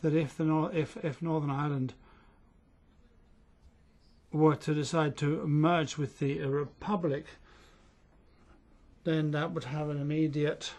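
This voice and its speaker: A man works as an interpreter at a parliamentary committee hearing, his voice on the high side. He speaks steadily and with measure, though his pace is uneven.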